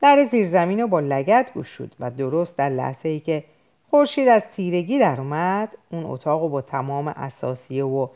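A woman giving expressive, dramatic literary audiobook narration. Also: deep voice. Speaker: audiobook reader.

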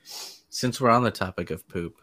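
A man's voice: fairly low pitch, normal speed, sharp tone, no room sound. A man co-hosting a casual podcast chat, musing aloud and asking rambling questions.

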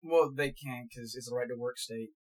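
A young man with a stutter chats loosely with friends around one shared mic. His talk comes in halting bursts full of repeated starts, in a mid-range voice. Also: mid-range voice, fairly even intonation, noisy background. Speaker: podcast co-host. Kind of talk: casual chat.

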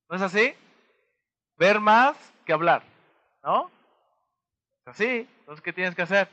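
A Mexican-accented man delivers a motivational talk in a high, bright voice. He keeps turning to his listeners with quick rhetorical questions and acts out small dialogues as he goes. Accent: Mexican Spanish. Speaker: motivational speaker.

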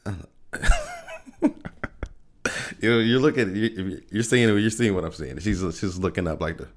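A man with a low, deep voice talks on his solo podcast in a loose, joking way. He laughs a lot and keeps restarting his sentences with repeated words. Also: wildly swooping pitch, measured pace, a little hiss or hum. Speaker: podcast host. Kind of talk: casual solo podcast chat.

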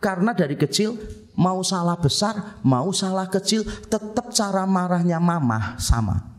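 A man's voice: high-pitched, animated, unhurried. A middle-aged male pastor preaching a sermon, asking rhetorical questions, answering them himself, and repeating phrases for emphasis.

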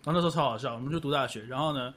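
A young man co-hosting a podcast, telling a family story in fast, self-mocking casual chat. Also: medium pitch, a bit bright. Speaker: podcast co-host.

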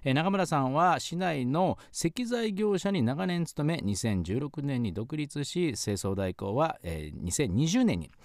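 A man's voice: a little high, big pitch swings, unhurried, hardly any pauses, darkish tone, no echo, studio quality. A man hosting a radio show, reading a local item aloud and adding conversational, appreciative comments.

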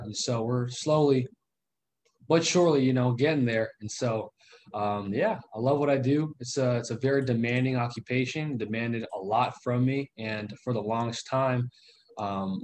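A Southern California man in his twenties, a real estate investor, appears as a guest in a casual interview. He sounds earnest and loose, with plenty of fillers, in a medium-pitched, darkish voice over slight background noise.

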